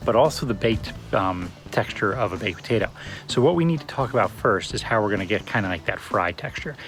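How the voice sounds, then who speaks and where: Chatty man with a low voice. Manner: relaxed and chatty, with fillers. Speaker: cooking channel host. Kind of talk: casual cooking demonstration.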